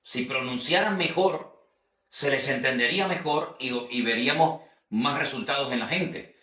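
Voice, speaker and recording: A male preacher gives an earnest teaching talk and often repeats a phrase to press a point home. His voice sits at a middle pitch. It carries a roomy echo, as if he stands some way from the mic. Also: moderate pace, sharp tone, distant mic. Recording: roomy echo, speaker set back from the mic.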